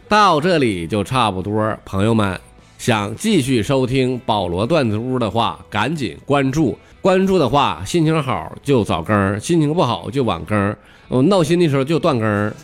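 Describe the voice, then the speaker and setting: A man with a Northeastern Chinese accent hosting a dialect stand-up show, telling jokes in a playful, chuckling manner. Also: mid-range voice. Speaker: comedy host.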